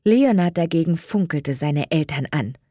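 Low-voiced woman reading an audiobook. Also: lively intonation, normal speed, warm tone, no room sound, studio quality. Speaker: narrator. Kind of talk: audiobook narration.

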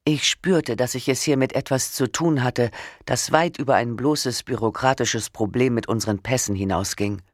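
A man reads an audiobook in a steady, measured voice of middle pitch. The sound is dry and close, with no room echo. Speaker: audiobook narrator. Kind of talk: audiobook narration.

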